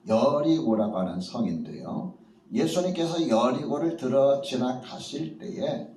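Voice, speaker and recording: A man's voice: medium pitch, darkish tone. A male pastor giving a morning sermon in a church, telling the story vividly and acting out the voices he quotes. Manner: storytelling preacher who acts out quoted voices. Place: church at a morning prayer meeting. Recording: echoey church hall from far off.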